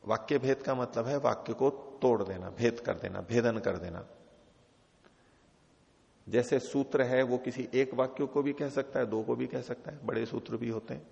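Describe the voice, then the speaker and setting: Gravelly male teacher in an echoey hall. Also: mid-range voice, normal speed, a little mellow. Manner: explains patiently with repeated rephrasing and examples. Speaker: teacher of philosophy. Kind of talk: scripture lecture. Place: teaching hall of a religious retreat. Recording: dull, echoey hall recording.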